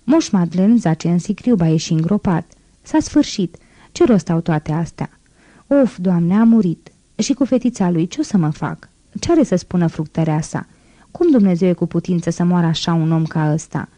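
A woman's voice: on the low side, lively intonation, mellow, no room sound. A woman voicing a frantic, grief-stricken old man who laments aloud to himself in an audiobook reading. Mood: despairing.

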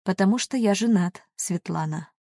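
A woman voicing a married male doctor who speaks in a flat, monotone voice. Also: normal speed, no room sound, clean studio sound, natural voice. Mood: cold. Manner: flat, monotone, slightly lowered. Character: man, married doctor, cold and evasive.

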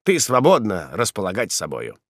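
A man's voice: fairly low pitch, huge pitch swings, moderate pace, a bit bright, no echo, studio quality, full character voice. A man reading a grave old count in a storybook. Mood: tender. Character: old former count, bitter prisoner turned gentle.

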